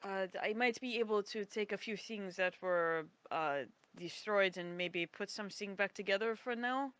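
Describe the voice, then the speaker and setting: A woman playing a tabletop role-playing game, speaking casually in character, tentative and halting. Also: medium pitch, fairly bright tone, clean tone, no echo.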